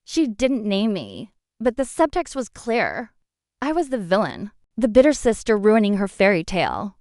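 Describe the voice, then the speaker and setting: A woman narrating a dramatic first-person revenge story in an expressive storytelling manner. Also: mid-range voice, normal speed, dry recording, studio quality.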